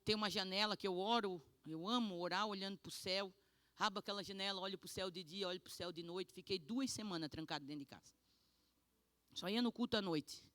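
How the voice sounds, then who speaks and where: A woman pastor from Brazil giving an animated, emotional testimony sermon. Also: mid-range voice, no echo.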